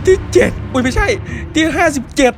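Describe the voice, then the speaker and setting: A young man hosting a gaming channel, giving excited gameplay commentary with loud exclamations and swearing. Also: very high-pitched, a little fast, faint music behind.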